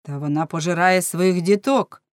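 A woman's voice: lowish voice, moderate pace, dry recording, studio quality, natural voice. A woman reading the part of a bold, teasing young man in an audiobook, in a forthright manner.

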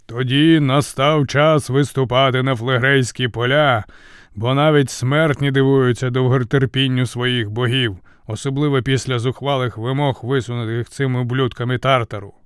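A man voicing an imperious male king of the gods who makes solemn, booming speeches. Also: steady tone, moderate pace, clear, resonant tone, no room sound, clean studio sound, natural voice. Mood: solemn, commanding.

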